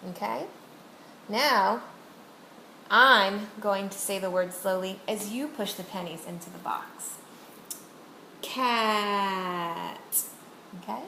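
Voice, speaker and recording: A woman teacher demonstrating a reading lesson with a student, saying each word slowly and deliberately to model its sounds. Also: mid-range voice, pushed and bright. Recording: echoey room with faint noise.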